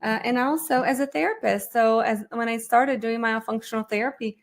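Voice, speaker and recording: Slightly high and a touch fast, with vocal fry and a roomy sound, this woman raised in Brazil is a therapist hosting a live online session. While she sets up her screen, she chats brightly and thinks out loud about the screen-sharing fix, keeping the live-stream talk casual.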